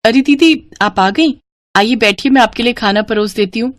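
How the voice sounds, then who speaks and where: A woman voicing a meek, gentle young daughter-in-law in a storybook tale, soft and pleading. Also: a little high, moderate pace, lightly acted. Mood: polite. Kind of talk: storybook voice acting.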